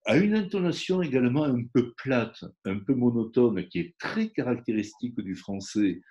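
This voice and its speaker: A man's voice: medium pitch, expressive, normal speed, mellow, muffled recording. A man, a phonetics professor, explaining pronunciation teaching in an interview and demonstrating examples aloud.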